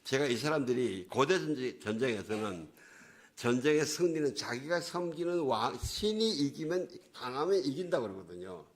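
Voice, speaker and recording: A man's voice: medium pitch, sing-song, moderate pace. A male pastor giving a sermon, retelling a story vividly in casual, slangy speech. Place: church.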